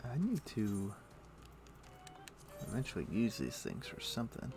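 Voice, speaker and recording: A livestream host plays a video game, muttering short, casual thoughts to himself into a desk microphone. His voice sits lowish and swings hugely in pitch, while his pace stays measured over background music.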